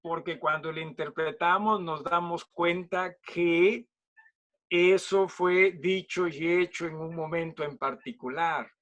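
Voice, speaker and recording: A Peruvian pastor teaches a Bible study in a loose, conversational way, checking in with his listeners after almost every phrase. He is a man with a fairly high speaking voice. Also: steady tone, takes it slowly, fairly bright tone, highs cut off. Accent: Peruvian Spanish. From Peru. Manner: chatty, asks "¿no?" and "¿sí?" after nearly every phrase, jokes.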